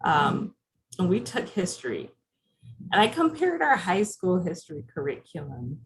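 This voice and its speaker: Over a video call, a woman from Barbados gives an interactive, conversational presentation and asks her audience questions. Her voice is on the low side, and the recording quality is poor.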